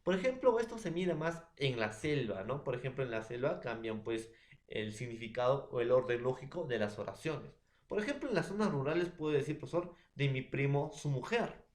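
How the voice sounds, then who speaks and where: A Peruvian-accented man giving a classroom lecture, walking through examples and checking in with his students. His voice sits at an ordinary middle pitch. It rings a little in an echoey room. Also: expressive, a little fast. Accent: Peruvian Spanish. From Peru. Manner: explains with many examples, checks in often with the class. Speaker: teacher.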